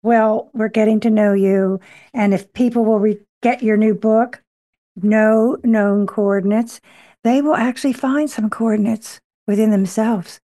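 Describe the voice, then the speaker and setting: A woman's voice: a little high, steady tone, unhurried, dark tone. A woman hosting a poetry interview program, emphatic and familiar in her way of talking. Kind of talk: conversational interviewing and program announcements.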